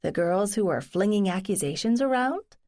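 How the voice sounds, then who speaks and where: A woman, a cozy mystery narrator, voicing a supportive woman companion who asks questions with gentle concern. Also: mid-range voice, animated, normal speed, natural voice. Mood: questioning.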